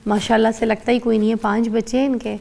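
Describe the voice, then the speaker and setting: A woman's voice: fairly high pitch, flat delivery, gravelly, darkish tone. A middle-aged woman with a Pakistani accent hosting a morning TV show, chatty, teasing and opinionated. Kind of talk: casual TV chat. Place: TV studio.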